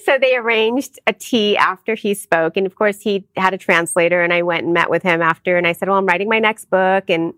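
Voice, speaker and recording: A middle-aged woman, a guest in a casual interview, telling a personal story in an animated way and acting out the voices of others. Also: mid-range voice, brisk, hardly any pauses, no echo.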